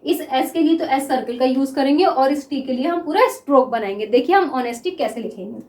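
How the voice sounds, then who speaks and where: A woman teacher explaining shorthand examples step by step, saying words slowly as she writes them and often checking whether students follow. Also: high-pitched, a little mellow, roomy sound. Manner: repeats words slowly while writing, asks 'clear?' often. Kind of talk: classroom lesson explaining examples.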